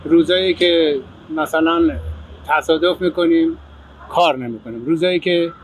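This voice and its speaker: Chatty, complaining male taxi driver, slightly high voice. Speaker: taxi driver being interviewed. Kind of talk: casual interview chat. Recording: noisy vehicle and street ambience.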